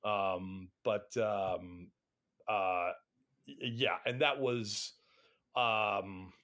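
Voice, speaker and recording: A man's voice: fairly low pitch, steady tone, extremely slow, fairly bright tone. Wry middle-aged American man telling stories. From United States, Atlanta area. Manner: wry, self-deprecating. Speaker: podcast guest, actor. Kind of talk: casual anecdotal interview chat.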